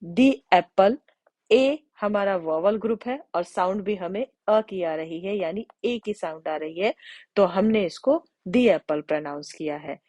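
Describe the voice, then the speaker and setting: A woman's voice: medium pitch, expressive, a little mellow, no echo. Patient woman teaching grammar, dry sound. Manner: explains step by step and slows down to read English example sentences; checks in with the listener often. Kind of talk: explanatory lesson to students.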